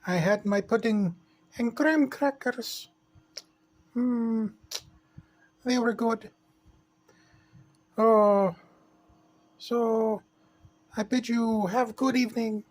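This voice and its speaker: A person playing a cheerful, playful princess who talks in a high sing-song voice and blows kisses, recorded in a hospital room. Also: slow pace, long pauses, poor audio. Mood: drowsy cheery.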